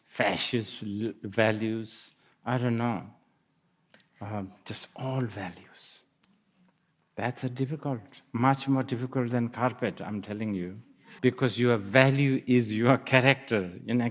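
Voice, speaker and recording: A man giving a Buddhist dharma talk, musing aloud with laughs and hesitant restarts. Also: mid-range voice. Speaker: Buddhist teacher. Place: lecture hall.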